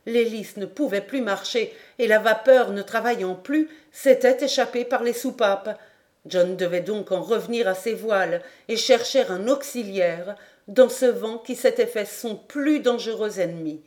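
A woman's voice: mid-range voice, unhurried. Woman reading a classic adventure novel. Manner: steady, expressive reading. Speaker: audiobook narrator.

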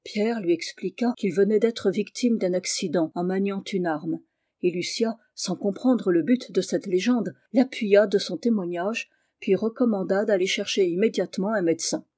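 A reader narrates a story in a steady, measured way. The voice is mellow and warm, recorded dry and close. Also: mid-range voice, no echo. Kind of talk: audiobook narration.

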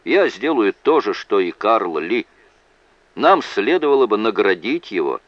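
A man voicing a rough male witness who shouts his answers fiercely in a courtroom scene of an audiobook. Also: lowish voice, very animated, unhurried, dry recording, muffled recording. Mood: earnest, heated. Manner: emphatic, shouting defiantly.

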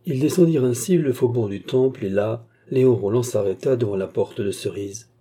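A man narrates a classic novel at a steady, measured pace. His voice is very dark and mellow. A light huskiness runs through it. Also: medium pitch, slightly rough. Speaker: audiobook narrator.

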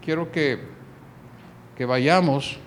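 A man's voice: fairly high pitch, very slow, a little hiss or hum. Man preaching, acting out voices. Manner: acts out dialogue with shifting voices. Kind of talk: sermon retelling scripture.

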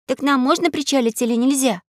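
A woman's voice: high voice, fairly quick, no echo, studio quality, voice pushed up, natural voice. A woman voicing a polite, earnest young girl who talks eagerly. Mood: earnest pleading.

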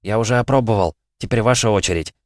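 A man's voice: fairly low pitch, quick pace, dry recording, studio quality, close to an everyday voice. A man reading an audiobook, voicing an eager young man proudly showing his new skill.

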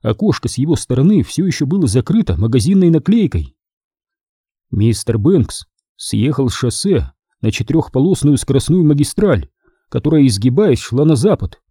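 A man narrating an audiobook with expressive storytelling. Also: mid-range voice, moderate pace, slightly rough, no room sound, studio quality.

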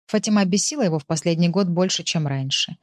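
A woman reading an audiobook chapter in a slow, measured narration. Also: on the low side, no echo, studio quality. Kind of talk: scripted narration.

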